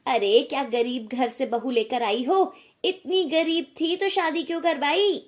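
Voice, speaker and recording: A nosy, gossiping aunt, voiced by a woman in an animated storybook, loud and full of mockery. The voice rides fairly high and rises sharply when she jeers. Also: unhurried. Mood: mocking.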